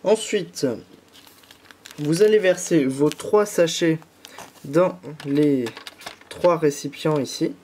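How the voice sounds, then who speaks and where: A young man from France, slightly stuffed up from a cold, speaks in a warm, higher voice, taking it slowly and pausing often over a bit of hiss or hum. This YouTuber walks viewers patiently through a candy kit tutorial, filling his speech with fillers.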